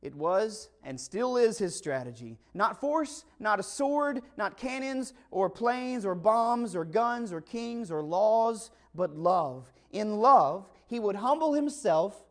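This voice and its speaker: A man's voice: high voice, sing-song, takes it slowly, few pauses. A man preaching a conversational Christmas sermon, emphatic and full of rhetorical questions. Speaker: pastor.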